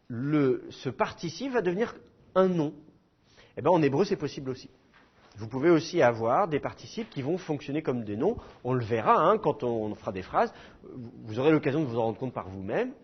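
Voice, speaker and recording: Husky man lecturing a class. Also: mid-range voice, highs cut off. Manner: explanatory, repeats key points, many fillers. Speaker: Hebrew teacher.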